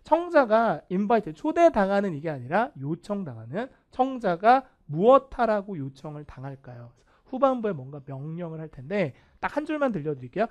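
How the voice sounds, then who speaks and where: A man teaching English vocabulary in a video lecture, animated and playfully self-mocking. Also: high-pitched, moderate pace, hardly any pauses. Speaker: English test instructor.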